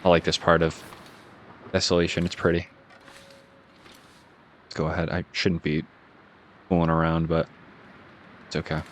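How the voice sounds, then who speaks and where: A man with a deep, low voice and a Boston accent talks through a calm gameplay session. He thinks out loud in an easygoing way and laughs lightly at his own slips. A faint hiss sits under the recording. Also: normal speed, pauses often. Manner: laid-back, musing aloud, chuckles at himself. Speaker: gaming channel host. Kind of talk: casual relaxed gameplay commentary.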